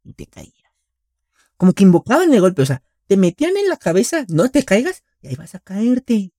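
A man's voice: sits high, huge pitch swings, fairly quick, warm tone, no room sound, clean studio sound. A young man with a Mexican accent giving a crude, joking comedic monologue full of slang. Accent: Mexican Spanish.

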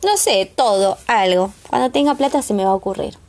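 A woman reading the part of a quiet, soft-spoken teenage girl, blunt in her answers, with a Rioplatense Spanish accent. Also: medium pitch, animated, a little fast, lightly acted. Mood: unsure.

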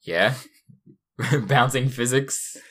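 A man's voice: medium pitch, drawn-out words, fairly bright tone, husky. A young man co-hosting a casual comedic chat, playful and mock-serious, often laughing. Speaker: podcast co-host.

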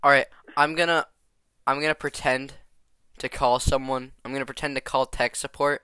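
Bright-voiced young man hosting by headset. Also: medium pitch, level tone, normal speed, clean tone, no echo. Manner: playful, teasing, prompting his friend. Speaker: podcast host. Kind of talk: casual chat on a call.

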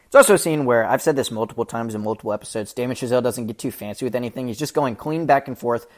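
A man's voice: medium pitch, racing. A man giving casual, scene-by-scene film commentary, chatty and loose with lots of fillers.

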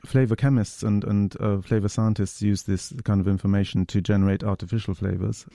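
A male researcher explaining his work in a measured way on a science radio show, with frequent small restarts. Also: lowish voice, level tone, gravelly, dark tone, no echo, clean studio sound. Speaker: researcher guest.

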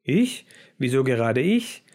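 A man voicing a timid, slow-witted male mouse who answers in a whiny, pleading voice. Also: mid-range voice, sing-song, a little mellow. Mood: whiny, defensive.

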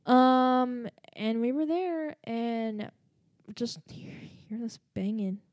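A woman tells a story in a loose, rambling way, with many fillers and asides. A slight lisp colours her speech, and her tone is mellow and dark. The sound is dry, with no room echo. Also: fairly high pitch, slow pace. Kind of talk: casual storytelling.

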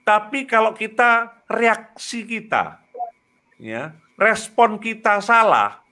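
A man's voice: sits high, lively intonation, slow pace, pushed and bright. A man speaking as a guest on a talk show, explaining his view earnestly and with rising emphasis. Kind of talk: casual advice talk.

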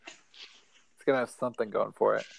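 A man's voice: lowish voice, steady tone, normal speed, creaky, breathy edge. A man co-hosting a podcast, speaking in a dry, hesitant way. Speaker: podcast co-host. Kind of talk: casual chat.

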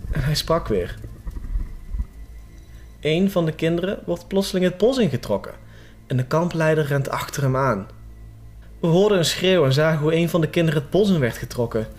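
A man's voice: a little high, lively intonation, moderate pace, long pauses, darkish tone, slight background noise. Man narrating a suspenseful horror story.

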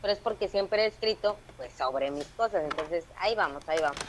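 A woman stand-up comedian with a Veracruz Mexican accent, chatting in an interview with lively, intense storytelling. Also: fairly low pitch, fairly quick, slight background noise. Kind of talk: casual interview chat.

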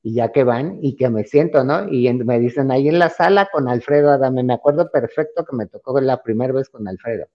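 A man's voice: mid-range voice, brisk, few pauses, lo-fi sound. A man with a Mexican Spanish accent, a podcast guest casually telling an anecdote and acting out the dialogue in a raised voice. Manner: animated, acts out quoted dialogue in a raised voice.

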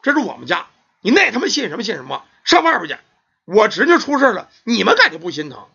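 A village aunt shouts and scolds, protective and fed up, voiced by a man telling the story. Her pitch is high and jumps around a lot, and the recording is dull. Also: very animated, quick pace, breathy edge, full character voice. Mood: angry.

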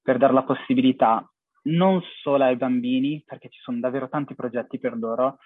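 A young man speaks earnestly in an interview, pausing as he searches for words. His voice is husky, and it comes through a thin, phone-like connection with very little room sound. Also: medium pitch, steady tone, no room sound. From half Syrian family. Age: young adult. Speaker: interviewee, charity cycling traveller. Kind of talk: reflective personal account in an interview.

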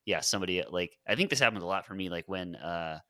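Man, very low pitch, bright forceful tone, halting reflective chat, lots of fillers. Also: no room sound, studio quality. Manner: halting, many filler words. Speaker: podcast guest, former band member.

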